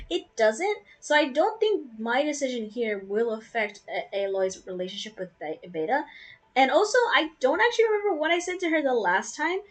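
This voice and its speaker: A woman's voice: high voice, fairly bright tone. A young woman giving casual, rambling commentary while playing a game. She laughs often, chats between bites of food and trails off mid-thought. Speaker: gaming YouTuber. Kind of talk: casual let's play commentary.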